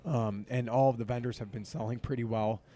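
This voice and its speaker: A man with a hoarse, raspy voice and a dark, mellow tone. He organizes the event and talks it over loosely, full of ums and restarts. He sounds worn and unhurried. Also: mid-range voice. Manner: relaxed, rambling, filler-heavy. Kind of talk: casual podcast interview. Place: convention hall.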